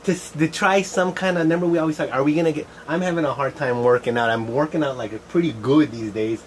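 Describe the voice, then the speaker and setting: A man's voice: on the high side, fast talker. Rambling middle-aged man, faint background hum. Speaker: show host. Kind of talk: casual, rambling chat. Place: shed. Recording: faint air-conditioner noise.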